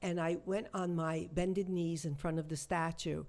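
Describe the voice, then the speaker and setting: A woman, a shamanic healer, telling a personal story in an interview, halting and emotional, with many restarts and repetitions. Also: lowish voice, fairly even intonation, a little mellow.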